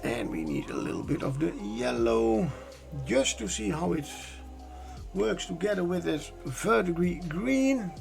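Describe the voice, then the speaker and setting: Gravelly, lively man rambling while painting. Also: on the high side, measured pace, soft background music. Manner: rambling, self-correcting, jokey asides. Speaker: miniature painting streamer. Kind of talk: casual live-stream painting commentary. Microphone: desk microphone.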